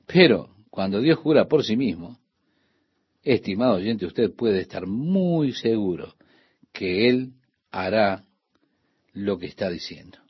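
A man's voice: on the low side, husky, muffled recording. A man giving an earnest radio Bible teaching, speaking straight to the listener. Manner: earnest, addresses the listener directly.

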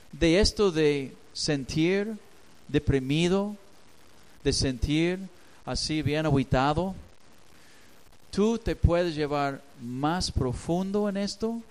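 A man preaching a sermon as pastor, swinging between hushed lines and loud, emphatic ones. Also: high-pitched, rough recording.

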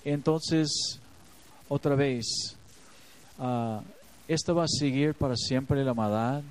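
A man leads a devotional Bible reflection. He speaks slowly and earnestly, in an ordinary middle register. He sounds personal and confessional. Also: mid-range voice, clear, resonant tone, poor audio. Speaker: preacher.

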